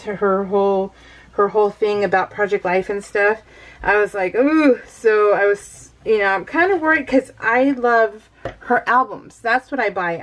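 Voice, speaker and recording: Chatting over her craft project, this middle-aged American vlogger has a bubbly manner and tends to ramble and lose her thread. She speaks in a mid-range voice.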